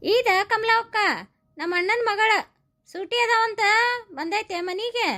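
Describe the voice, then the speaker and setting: A woman's voice: extremely high pitch, a little slow, sharp tone, full character voice. A woman voicing a chatty, blunt middle-aged village woman in a comedy cartoon, with a North Karnataka Kannada accent. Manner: blunt, scolding, rustic. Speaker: cartoon voice actor.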